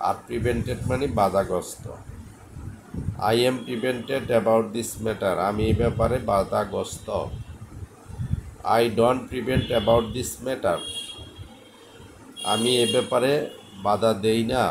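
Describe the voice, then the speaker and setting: A man with a Bengali accent teaching English, reading each sentence very slowly and then translating it. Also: on the low side, fairly even intonation, vocal fry, background noise. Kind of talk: slow drilled language lesson.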